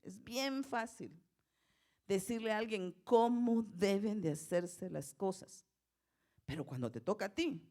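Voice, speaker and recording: A woman's voice: medium pitch, measured pace, a little mellow. Woman pastor preaching with emphatic bursts. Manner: preaching with rising, emphatic bursts and acted prayers. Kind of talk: sermon.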